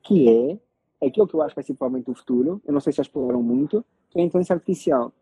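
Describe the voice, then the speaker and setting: A man's voice: fairly high pitch, expressive, racing, warm tone, slightly rough, no echo, low-quality recording. A man with a European Portuguese accent explaining things in a casual discussion, often repeating phrases and checking that listeners follow. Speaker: panelist explaining technology.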